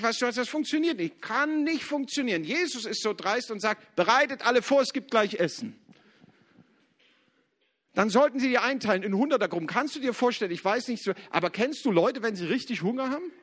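A man delivers a church sermon in a notably high voice. He swings between loud, urgent exhortation and hushed, lowered passages. He acts out biblical dialogue with casual, everyday asides. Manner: passionate, swings between loud urging and quiet lowered tones. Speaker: guest preacher. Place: church service.

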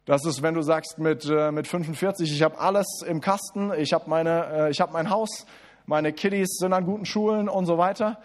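A man preaching a sermon in German. He speaks straight to the listeners, stumbles and restarts often, and switches between quick asides and slow, stressed lines. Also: fairly high pitch. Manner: addresses listeners directly as du, with many restarts and fillers.

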